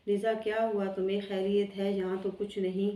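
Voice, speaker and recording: A woman reading the part of a tender, emotional young woman who speaks softly and from the heart on the phone. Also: mid-range voice, level tone, lightly acted. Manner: soft, heartfelt. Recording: roomy sound from a distant mic.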